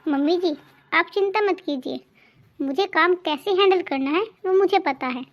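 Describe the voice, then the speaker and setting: A woman's voice: very high voice, normal speed, dull audio. A woman voicing a young daughter-in-law in a cartoon family drama, polite but firm when she answers back.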